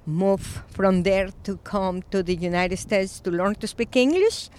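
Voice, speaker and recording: A Colombian-born woman in her fifties, an Episcopal priest, speaking thoughtfully in a recorded interview, with frequent pauses and fillers. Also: medium pitch. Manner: reflective, soft-spoken with frequent pauses and fillers.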